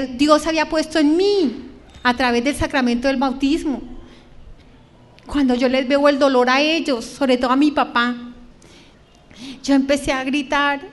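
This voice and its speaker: A middle-aged woman giving an emotional religious testimony to an audience, slowing down and stretching her words as her voice breaks. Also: sits high.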